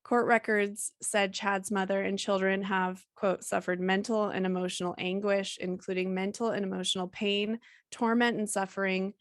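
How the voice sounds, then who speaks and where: A woman with a mid-pitched voice co-hosts a true-crime podcast and reads court statements aloud. She adds dry, sarcastic asides, and her voice sounds close and dry with no room echo. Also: flat delivery, moderate pace. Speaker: podcast co-host.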